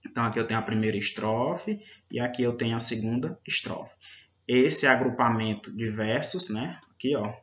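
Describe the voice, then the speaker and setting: Patient teacher, echoey and dull. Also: male voice, mid-range voice, normal speed, fairly bright tone. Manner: patient, checks in with frequent "tá?". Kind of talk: slide lecture. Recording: echoey room, dull lo-fi sound.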